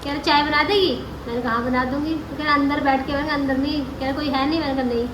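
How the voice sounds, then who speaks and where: A middle-aged mother tells a story at speed, her high voice quoting back and forth. The room rings with echo and household noise is clearly heard behind her. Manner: quick, lively retelling with quoted dialogue. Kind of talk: animated storytelling. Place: at home.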